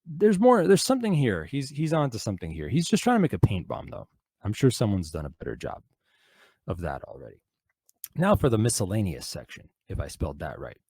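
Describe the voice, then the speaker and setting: A man with a fairly low voice reads a crude text on air in a mocking, sardonic tone. His delivery swoops and jumps around, and he keeps stopping to comment. The sound is close and dry, with no room echo. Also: huge pitch swings, brisk, a little mellow, breathy edge. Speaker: radio show host. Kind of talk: reading a prank guide aloud with commentary.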